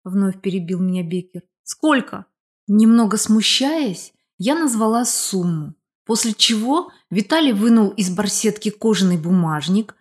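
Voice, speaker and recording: Young woman narrating an audiobook. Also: mid-range voice. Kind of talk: first-person audiobook narration.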